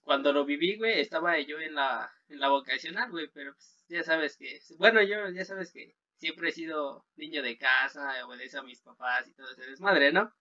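A man's voice: a little high, moderate pace, hardly any pauses, pushed and bright. A young man with a Mexican Spanish accent chatting casually, laid-back and slangy, with many fillers. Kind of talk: casual chat. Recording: dull lo-fi sound.

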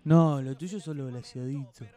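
A man's voice: medium pitch, normal speed, warm tone, faint music behind. A man co-hosting a podcast, needling his friend in playful banter. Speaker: podcast co-host. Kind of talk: casual joking chat. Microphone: studio podcast microphone.

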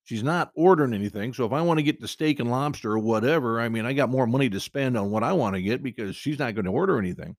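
A man's voice: medium pitch, lively intonation, quick pace, hardly any pauses, no room sound, studio quality. A man hosting a podcast, telling a personal story in a rambling, conversational way with frequent restarts.

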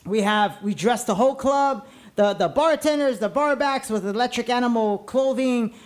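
A man's voice: very high-pitched, normal speed. A man hosting a podcast in casual, rambling chat, informal and full of slang. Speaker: podcast host.

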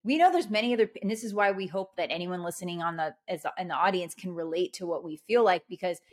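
A woman co-hosting a podcast in casual chat, rambling and animated, with many fillers. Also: lowish voice, quick pace. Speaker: podcast co-host.

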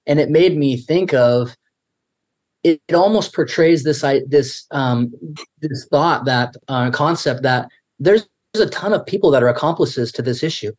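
A man co-hosts a podcast in casual, earnest discussion, often restarting his sentences as he thinks aloud. His voice is medium-pitched, unhurried and darkish in tone.

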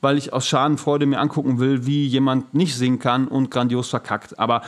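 Co-hosting a podcast, this singer and musical actor spins casual stories, blunt and colloquial, with occasional swearing. He speaks briskly in a level, mid-range voice.

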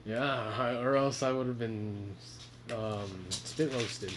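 A young man co-hosts a casual podcast from his bedroom, joking and laughing frequently. His voice is medium-pitched and steady, his pace slow, with a noisy background.

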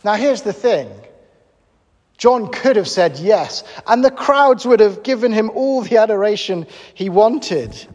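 A man preaching a sermon in an animated, conversational and emphatic way. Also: sits high, measured pace, in a large hall.

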